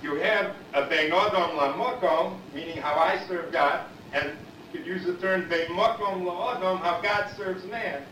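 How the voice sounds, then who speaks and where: A man's voice: sits high, unhurried, sharp tone. A man giving a Torah lecture, explaining verses and asking rhetorical questions, often saying "we'll say" and "I mean". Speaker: Torah teacher. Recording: echoey, distant, dull and noisy.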